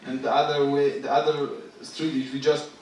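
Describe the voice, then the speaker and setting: A rapper from Syria in his twenties, performing as a guest artist, stumbles and gropes for words in stage talk at a large theater with a live crowd. His voice is a little high with little pitch movement. It reaches the mic from far off across an echoey stage, with slight background noise.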